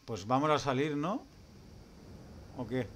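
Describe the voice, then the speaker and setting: A man's voice: mid-range voice, expressive, takes it slowly, fairly bright tone, slight background noise. A man with a Spanish accent from Spain giving casual, jumpy, scared commentary as he streams a horror game. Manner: scared, jumpy, muttering nervous reactions and exclamations. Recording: game music behind the voice. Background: video game music.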